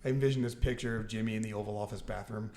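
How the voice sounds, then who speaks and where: Gravelly man joking on a podcast. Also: on the low side, fairly even intonation, very fast, warm tone, slight background noise. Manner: joking, laughs often, steers the talk back on topic. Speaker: podcast co-host. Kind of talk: casual podcast chat.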